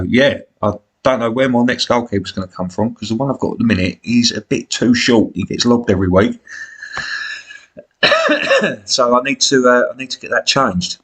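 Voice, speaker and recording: A British man with a smoker's rasp and cough chats through a live stream of a football management game, all blokey banter and self-deprecation. His voice is lowish and a bit bright.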